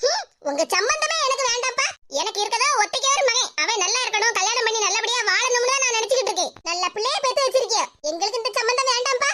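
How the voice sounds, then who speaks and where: A proud mother of the groom speaks in a high, quick cartoon voice with a Kanyakumari Tamil accent, played by a woman. She sounds huffy and offended. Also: heavy background noise. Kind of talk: animated cartoon voice acting.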